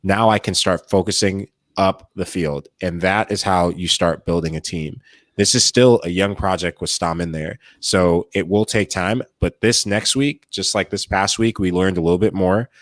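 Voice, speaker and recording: This soccer podcast co-host has a voice that sits low, speaking at normal speed with no echo. In a casual analytical chat, he breaks down tactics animatedly in long flowing runs, slipping into acted-out quotes from players and coaches.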